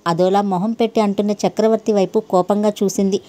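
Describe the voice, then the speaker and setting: A woman narrating a family story in a steady, gentle storytelling manner. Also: mid-range voice, a little fast. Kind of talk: narrating a Telugu story, voicing every character.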